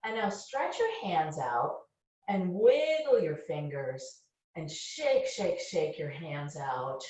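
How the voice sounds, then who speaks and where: A woman leading a children's yoga class, giving gentle, encouraging step-by-step instructions. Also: low-pitched, big pitch swings, slow pace. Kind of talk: guiding a kids' yoga class. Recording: distant, very echoey, dull-sounding room recording.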